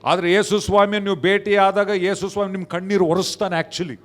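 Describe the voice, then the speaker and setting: Pastor, male, high voice, Kannada accent, excited church preaching. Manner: preaching with loud hallelujah shouts and quick asides. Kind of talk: sermon.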